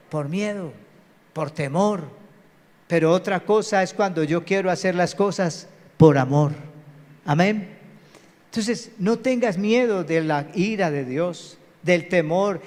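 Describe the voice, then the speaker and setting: Male pastor, high voice, emphatic sermon in a reverberant hall. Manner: emphatic, calls for amen, repeats phrases. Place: church hall.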